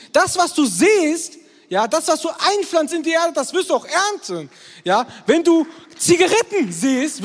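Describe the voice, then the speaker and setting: A man in his twenties preaching to a live crowd, energetic and constantly checking in with the crowd. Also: very high voice. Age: 20s. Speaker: youth preacher. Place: hall with an audience, also streamed. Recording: long hall reverb.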